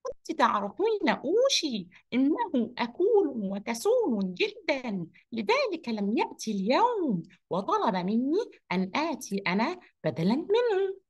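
A woman voicing a cheerful, energetic male rabbit who tells a story to children in an online lesson. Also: high-pitched, normal speed, husky, heavily acted. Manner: lively, upbeat, speaks to children.

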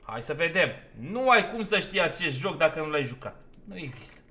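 A man's voice: on the high side, sing-song, bright, forceful tone. A man giving let's play commentary on a horror game, talking himself through each step and getting easily exasperated. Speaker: gaming YouTuber.

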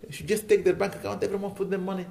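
Earnest sheikh preaching. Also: male voice, high-pitched, little pitch movement, rapid-fire, vocal fry, warm tone. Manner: earnest, urges with repeated rhetorical questions. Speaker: sheikh giving a lecture. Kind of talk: sermon. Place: lecture hall.

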